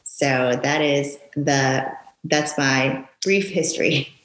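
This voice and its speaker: A woman guest, a Japanese native speaker raised in New York, talking earnestly with frequent pauses and ums in a casual interview. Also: a bass voice, fairly even intonation. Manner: earnest, halting, many ums. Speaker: guest author, parent. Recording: echoey room.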